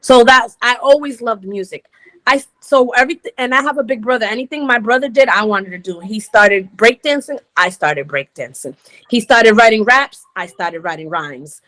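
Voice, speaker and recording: Woman, forties, from Rhode Island, DJ guest, slightly high voice, lively storyteller, casual interview. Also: moderate pace. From Rhode Island, United States. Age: 40s. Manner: lively storytelling, laughs easily.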